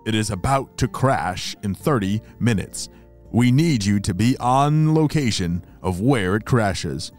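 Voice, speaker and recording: A formal male headquarters dispatcher with a lower voice, delivering orders in a steady official tone, as a man puts him on. Faint music sits behind him. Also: natural voice.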